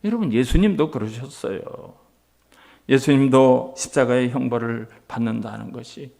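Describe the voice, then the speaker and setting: A male pastor preaching a sermon, acting out quoted voices and swinging from hushed passages to loud, emphatic ones. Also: medium pitch, moderate pace, creaky.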